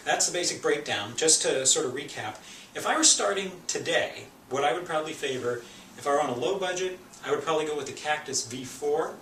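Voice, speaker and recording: A man's voice: mid-range voice, a bit bright, slight background noise. A male photography instructor giving an informal, conversational gear review, explaining as he goes and a little out of breath. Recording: echoey room, mic at a distance.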